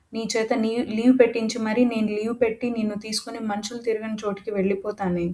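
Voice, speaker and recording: Woman reading as a cocky young fiancé in an audio love story, teasing and boastful, with a low, mellow tone. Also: close to an everyday voice.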